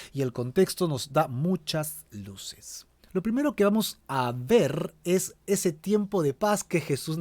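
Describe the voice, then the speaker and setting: A man's voice: on the high side, darkish tone, no echo. A man preaching a Bible study sermon, earnestly addressing the listener directly as a pastor.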